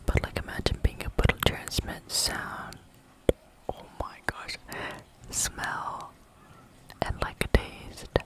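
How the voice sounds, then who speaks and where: An ASMR vlogger chatting in a soft unvoiced whisper, rambling with many fillers and eating between remarks. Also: slow. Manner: chewing and eating sounds between talk.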